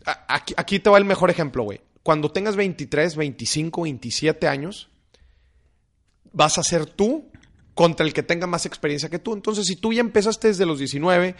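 A man's voice: on the high side, normal speed, fairly bright tone. Slangy Mexican man talking money. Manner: slangy, emphatic, lists points. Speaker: finance author and guest. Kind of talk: casual podcast chat.

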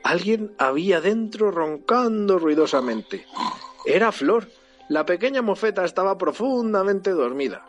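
A father reading a storybook aloud to his child with animated, expressive delivery. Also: high voice, a little slow, soft background music.

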